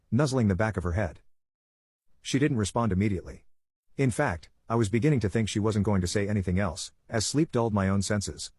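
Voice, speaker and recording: Husky low-voiced man narrating a story. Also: darkish tone, dry recording, clean studio sound. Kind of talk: scripted first-person story narration.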